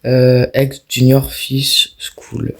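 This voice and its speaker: A man's voice: mid-range voice, level tone, drawn-out words, creaky. Jumpy young man playing a horror game. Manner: jumpy, talks to himself and viewers while playing. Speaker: gaming YouTuber. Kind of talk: casual let's-play commentary.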